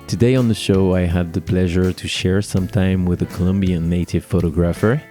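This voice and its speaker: A man's voice: low-pitched, fairly even intonation, normal speed, dark tone, soft background music. A man who is a wedding officiant from France, hosting a podcast and interviewing a guest.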